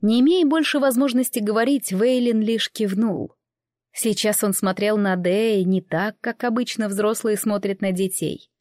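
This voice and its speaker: A woman narrating a fantasy audiobook in a steady storytelling voice. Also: medium pitch, moderate pace, no room sound, studio quality.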